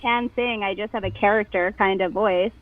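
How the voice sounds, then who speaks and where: In a casual interview, a podcast guest in her thirties from New Jersey chats away with a New Jersey accent, a nasal voice and lots of fillers. Her mid-range voice keeps a steady tone at normal speed. The audio sounds narrow-band, like a phone, with slight background noise.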